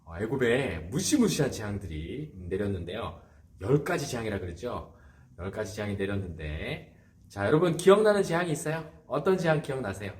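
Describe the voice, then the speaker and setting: A man's voice: on the low side, very animated, a little fast. A man, a pastor, giving a children's sermon, asking the kids questions and telling the story dramatically.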